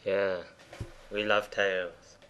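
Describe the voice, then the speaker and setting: A man co-commentating on a game in casual chat, giving brief, low-key replies. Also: level tone, extremely slow, bright, forceful tone, clean tone, muffled recording. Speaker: gaming co-commentator.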